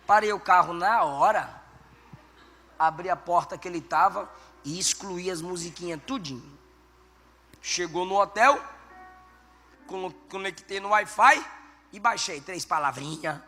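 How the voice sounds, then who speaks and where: A man, a pastor, preaching a sermon with animated storytelling and bursts of shouted emphasis. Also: high-pitched, vocal fry. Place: church. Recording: church hall reverb, faint background music.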